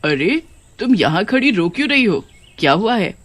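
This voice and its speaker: A woman's voice: medium pitch, big pitch swings, moderate pace, no echo. Woman playing a grand kind witch queen for a cartoon, commanding, dry sound. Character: female witch queen, regal and kindly.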